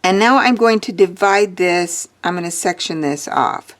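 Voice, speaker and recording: A woman's voice: lowish voice, a little slow. A woman teaching a drawing lesson, chatting and thinking aloud as she draws, with the hiccups. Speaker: art teacher.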